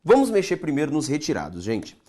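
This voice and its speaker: A man's voice: a little high, huge pitch swings, a little fast, warm tone. A man teaching a grammar lesson, stretching key words and checking in with the viewer.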